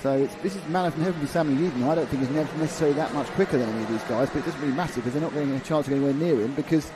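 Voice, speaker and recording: A man's voice: fairly high pitch, rapid-fire, background noise. A man commentating live on a kart race, chatty and thinking aloud with restarts. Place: outdoor kart track commentary point.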